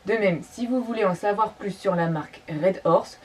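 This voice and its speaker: A woman's voice: medium pitch, normal speed. A woman presenting shop products in a casual vlog, speaking with many fillers and restarts. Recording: slightly distant mic, faint background noise.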